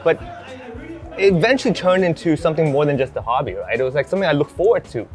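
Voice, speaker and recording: A Hong Kong comedian in his thirties chats casually, telling stories with animation and acting out snippets of dialogue. His voice is fairly high and fast, with soft music playing behind him.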